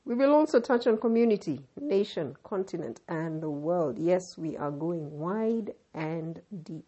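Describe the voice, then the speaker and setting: A woman with a Kenyan accent hosting a podcast, delivering scripted narration with deliberate, emphatic phrasing. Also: on the low side, expressive, mellow, breathy edge, dull audio. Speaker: podcast host.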